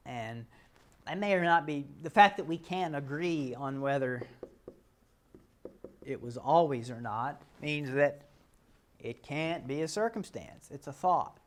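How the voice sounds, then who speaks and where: A man calmly teaching a self-help model, explaining step by step and often correcting himself mid-sentence. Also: on the high side, measured pace, pauses often, a little hiss or hum.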